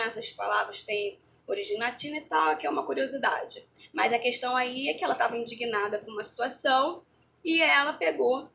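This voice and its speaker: A woman's voice: fairly high pitch, gravelly, sharp tone, slight background noise. A woman teacher giving a remote lesson, explaining a textbook in a chatty way and often checking in with her students.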